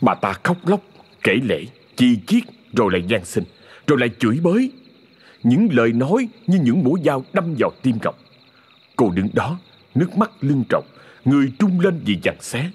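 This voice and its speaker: A man narrating a horror story in a dramatic, expressive scripted reading. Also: mid-range voice, normal speed, breathy edge.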